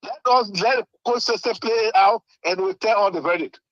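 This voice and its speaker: A man's voice: high voice, fairly quick, dull audio, a crowd in the background. A man putting questions in an argumentative community discussion, insistent and often repeating words. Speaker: panel caller putting questions.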